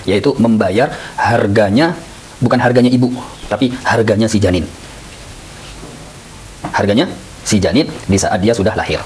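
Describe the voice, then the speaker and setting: A man teaching a lively lesson on Islamic law, who acts out little scenes in raised voices. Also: lowish voice, slight background noise, poor audio. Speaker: Islamic boarding school teacher.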